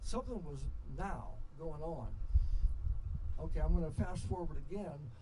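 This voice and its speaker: At a festival storytelling session, a slightly high-voiced older American man rambles through his tales for the crowd. He stops and starts, wanders off on passionate tangents, and doesn't shy from crude words, with live-event noise all around.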